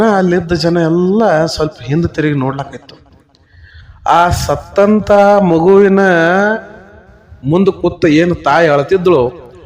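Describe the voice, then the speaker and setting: Slow, high-voiced North Karnataka storyteller man. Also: darkish tone. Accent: North Karnataka Kannada. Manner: slow, emphatic, addresses listeners directly. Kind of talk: devotional storytelling.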